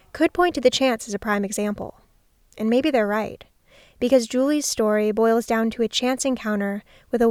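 A woman hosting a podcast, narrating a scripted documentary story in a measured way. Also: fairly high pitch, a little mellow. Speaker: podcast host.

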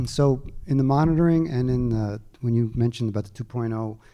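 A man's voice: mid-range voice, little pitch movement, moderate pace, muffled recording. A man in the audience asking probing follow-up questions about sound mixing.

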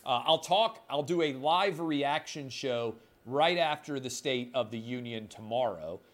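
Middle-aged male podcast host, mid-range pitch, emphatic, indignant, sarcastic asides. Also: unhurried. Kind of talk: solo opinion podcast monologue.

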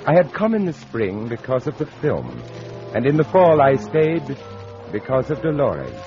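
An actor playing a graying, fatalistic writer near fifty, narrating an old radio drama in a literate, melodramatic way. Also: male voice, medium pitch, huge pitch swings, unhurried. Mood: wistful, ominous. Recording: dull lo-fi old radio recording. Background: prominent music.

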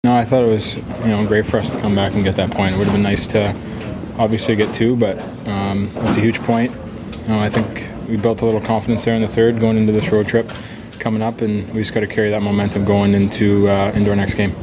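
A male athlete gives an understated post-game interview. He talks quickly in a flat voice, with obvious noise behind him. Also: fairly low pitch. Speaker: hockey player.

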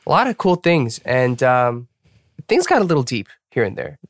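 A young man co-hosting a podcast, chatting in an upbeat, playful, quick way. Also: medium pitch, big pitch swings, no room sound, studio quality. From Atlanta, USA. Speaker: podcast co-host. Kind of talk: casual podcast chat.

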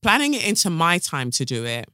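A woman's voice: deep voice, big pitch swings, a little fast, pushed and bright, clean tone, dry recording, clean studio sound. A woman hosting a casual solo podcast in a playful, emphatic, slangy way, her speech slightly impeded by the retainers she is wearing. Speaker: podcast host.

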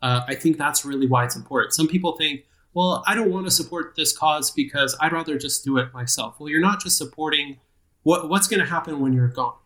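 A man in his thirties who works as a nonprofit program manager appears as a guest on an interview podcast. He talks casually, rambling and self-deprecating with frequent restarts, in a fairly quick, pushed, bright voice on the high side.

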